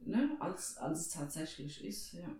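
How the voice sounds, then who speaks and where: A speaker in a casual conversation, agreeing and sharing their own experiences in a relaxed way. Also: medium pitch, unhurried, recorded from a distance, a crowd in the background. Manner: agreeable, shares personal experience. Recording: roomy echo, away from the mic.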